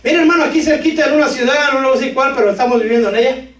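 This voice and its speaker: A man preaching a lively sermon to his congregation with jokes, sudden shouts and talk of brothers. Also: very high voice, very fast. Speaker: pastor. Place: church hall. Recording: echoey church hall from far off.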